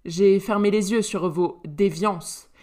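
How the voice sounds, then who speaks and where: A woman's voice: medium pitch, takes it slowly, warm tone, natural voice. A woman voicing a stern, angry aristocratic duke who scolds his son with cold contempt in a storybook reading. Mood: contemptuous.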